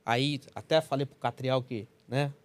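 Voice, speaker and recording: A man's voice: mid-range voice, fairly even intonation, measured pace. A man telling his story on a podcast, enthusiastic and repeating phrases for emphasis. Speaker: podcast host. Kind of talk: casual podcast chat.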